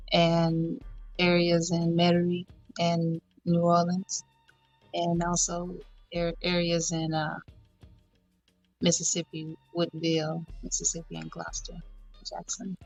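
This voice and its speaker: A woman in her thirties from Houston, a podcast guest speaking in a measured, thoughtful way with many fillers. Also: fairly low pitch, no room sound. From Houston, Texas, US. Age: 30s. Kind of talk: casual podcast interview. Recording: dull lo-fi recording.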